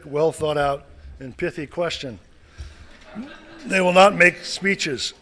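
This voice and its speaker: A man's voice: a little high, fairly bright tone. A man moderating a candidate forum in a meeting hall, reading out the rules with small asides. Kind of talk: formal announcement of rules.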